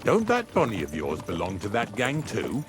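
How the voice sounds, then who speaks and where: An actor playing a gruff, talkative older rustic wagon driver in a medieval video game, with a folksy, rambling manner. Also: male voice, on the low side, wildly swooping pitch, normal speed. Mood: chatty, grumbling. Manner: folksy, rambling, plain-spoken. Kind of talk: video game dialogue acting. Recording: music behind the voice.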